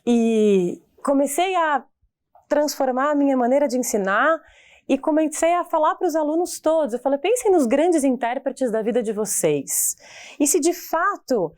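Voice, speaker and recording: Mulher de voz aguda, contando sua história. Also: female voice, high voice, animated. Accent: Brazilian Portuguese. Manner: heartfelt, reflective, pauses and restarts. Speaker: singer and voice teacher giving a talk. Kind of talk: personal storytelling talk.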